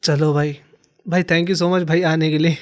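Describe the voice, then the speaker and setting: Teasing podcast host, fairly high voice. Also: male voice, little pitch movement, unhurried. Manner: short reactions, teasing jokes. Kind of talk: casual chat.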